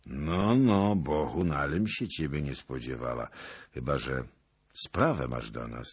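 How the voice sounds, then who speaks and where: A man's voice: extremely low pitch, a little slow, slightly rough, exaggerated voice. A man voicing a wary old noblewoman who speaks drily and guardedly. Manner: dry, guarded. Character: stern old noble widow, wary and proud.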